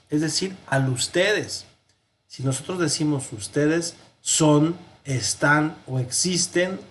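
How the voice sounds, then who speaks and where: A man with a medium-pitched voice teaches a recorded Latin lesson, speaking slowly and repeating forms for dictation. He corrects himself aloud, and there is a little hiss or hum on the recording.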